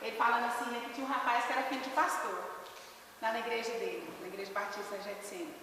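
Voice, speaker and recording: High-voiced woman pastor in an echoey hall. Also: fast, a little hiss or hum. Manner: lively storyteller, often asks "né?". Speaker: pastor teaching a discipleship class. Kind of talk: informal teaching with anecdotes. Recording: echoey hall, distant mic.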